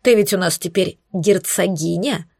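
A woman voicing a scornful, smug young female witch who mocks and threatens in slow, hissing tones, recorded dry and close. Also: on the low side, gravelly, darkish tone, no echo, pitched below the performer's own voice. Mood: sneering. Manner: mocking, hissing, drawn-out threats.

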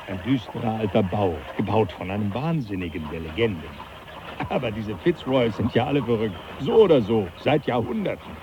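A man acting in a German radio drama as a jovial, teasing older professor, animated and patronising in an avuncular way. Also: on the low side. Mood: amused, gossipy. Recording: dull radio drama, loud background noise.

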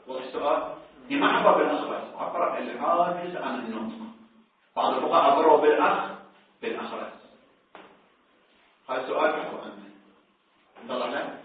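Male seminary teacher, brisk and slightly high, heard from far off in an echoing room over a tinny phone-like line. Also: slight background noise. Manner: questions students, repeats words for emphasis. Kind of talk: religious law lecture. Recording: distant, echoey, phone-like.

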